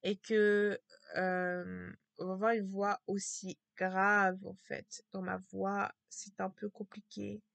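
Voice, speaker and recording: A woman talking to camera in a casual vlog with a low, strained voice, hesitant and repetitive, full of fillers and restarts. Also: flat delivery, slow pace, a bit bright, dry recording. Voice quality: low, gravelly voice.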